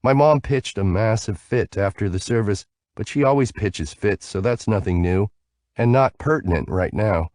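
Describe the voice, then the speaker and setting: A man's voice: lowish voice, moderate pace, a little mellow, no room sound, studio quality, voice pushed up, lightly acted. A man reading an audiobook, voicing a sleepy, bubbly young woman who rambles playfully on the phone.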